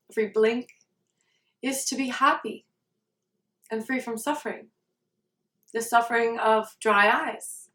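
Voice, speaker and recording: A woman leads a guided meditation in a calm, slow, gentle way. Her voice sits a little high. It is recorded at home with a roomy echo, a bit away from the mic. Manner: slow, soft, calm guiding. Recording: roomy sound, somewhat far from the mic.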